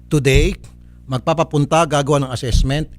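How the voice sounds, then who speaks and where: A man with a fairly high voice, fairly even intonation, and moderate pace hosts a radio-TV public service show. He sternly rules on a case on air, scolding a caller with curt refusals and mocking laughs.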